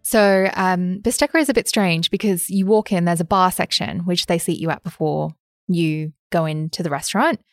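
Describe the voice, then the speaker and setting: A sweet-voiced woman co-hosts a casual investing podcast. Her pitch sits a little low, and the sound is close and dry. She talks in a chatty, plain way. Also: moderate pace, no echo, soft background music. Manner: chatty, laughs easily, plain explainer. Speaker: podcast co-host.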